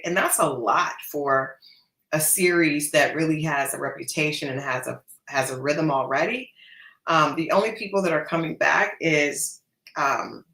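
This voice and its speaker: Lower-voiced woman in an echoey room. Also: a bit bright. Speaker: host of a gossip show. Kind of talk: casual trailer commentary. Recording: echoey, reverberant room sound.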